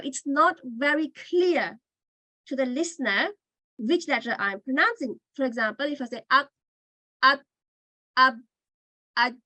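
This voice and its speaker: High, bright-voiced woman teaching online. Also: no echo, rough recording. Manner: patient, demonstrates sounds by repeating them. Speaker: Qur'an reading teacher.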